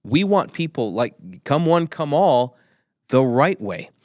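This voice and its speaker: A man guesting on an interview podcast, heard close and dry with no room sound. His pitch is average for a man. He argues in an emphatic, insistent way and circles back to the same points again and again. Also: big pitch swings, takes it slowly, darkish tone, no echo. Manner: emphatic, repetitive, argumentative. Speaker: guest, tech company executive. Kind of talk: opinionated interview talk.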